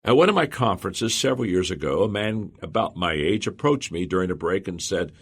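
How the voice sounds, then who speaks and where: A man reading a motivational audiobook in the first person, earnest and measured. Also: sits low, lively intonation, husky. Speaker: audiobook narrator. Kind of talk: scripted audiobook narration.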